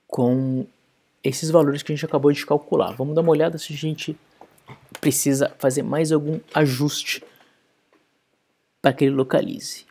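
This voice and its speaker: A man's voice: a little high, gravelly, warm tone, slightly rough. A man explaining code step by step in a programming tutorial screencast. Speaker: programming instructor.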